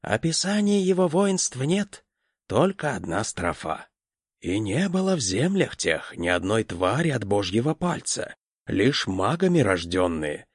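Mysterious pipe-smoking storyteller, calm and sly, tells legends in a lilting, dry-miked voice; man voices him. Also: mid-range voice, slightly rough, no echo, heavily acted. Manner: unhurried, hushed, matter-of-fact.

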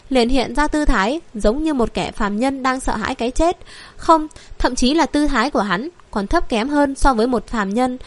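Woman, high voice, audiobook narrator, steady even reading, fantasy novel. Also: dry recording.

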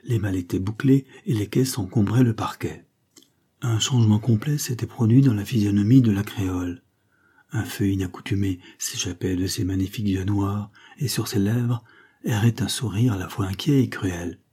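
A man narrating a classic novel in a measured, expressive audiobook reading. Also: fairly low pitch, slightly rough. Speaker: audiobook reader.

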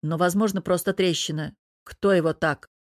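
A woman's voice: lowish voice, steady tone, moderate pace, dry recording, close to an everyday voice. A woman reading an audiobook and voicing a dry, matter-of-fact male doctor.

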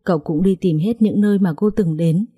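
A woman telling a dramatic story in a steady, low voice. Her tone is dark and mellow, close to the mic and dry, with no room around it. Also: brisk, breathy edge, dry recording.

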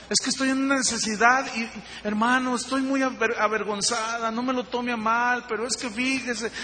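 Man, pastor, lively sermon storytelling, faint background noise. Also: extremely high pitch. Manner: animated storytelling, acting out dialogue. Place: church hall. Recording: reverberant hall with faint noise.

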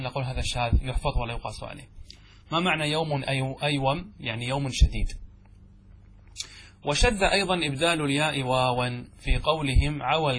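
A man's voice: medium pitch, a bit bright, slight background noise. A middle-aged man teaching classical grammar, explaining step by step and answering his own questions. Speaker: sheikh teaching Arabic grammar.

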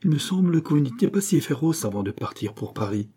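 A man doing a proud, uneasy young farm girl in a storybook reading, pitched well above his own husky, dark voice. She questions curtly and with strained feeling. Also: sing-song, a little fast. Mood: somber. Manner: curt, tense questioning.

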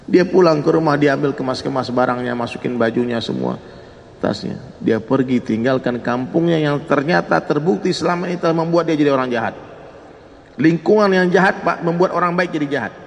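A man preaching a sermon and telling animated stories, often turning to address his listeners directly. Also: fairly high pitch, brisk, gravelly, long reverb tail. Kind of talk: humorous sermon storytelling.

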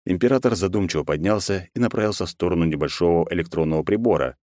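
A man narrating an audiobook in a steady, measured reading. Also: deep voice, dry recording, studio quality. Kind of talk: scripted narration.

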